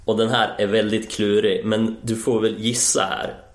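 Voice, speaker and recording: Male radio host, relaxed quizmaster, echoey room. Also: on the low side. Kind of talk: quiz and interview.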